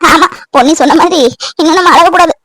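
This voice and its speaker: A woman voicing a devoted village wife and mother in an animated family drama, pleading and soothing. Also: very high-pitched, fast talker, no echo, poor audio. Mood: bustling. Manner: pleading, soothing, then bustling.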